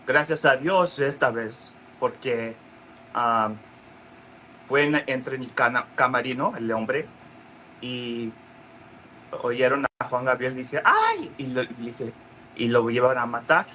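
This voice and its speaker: Halting man with a bright voice. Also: mid-range voice, steady tone, slight background noise, rough recording. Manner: halting, many restarts and fillers, acts out quoted voices. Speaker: interview guest. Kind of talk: casual storytelling interview.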